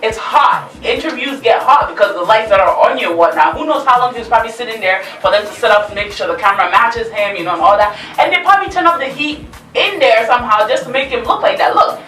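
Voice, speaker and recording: A woman's voice: fairly high pitch, expressive, fast talker, bright, forceful tone, roomy sound, distant mic, faint music behind, low-quality recording. A woman hosting a talk show, arguing her point emphatically in casual debate. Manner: argumentative, pushes back emphatically.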